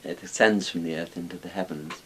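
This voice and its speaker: A very deep-voiced older Welshman talks briskly and steadily, giving casual explanations as an interviewed expert on Chinese dragons. He's indoors in a small room lined with books, and hissy noise sits behind him.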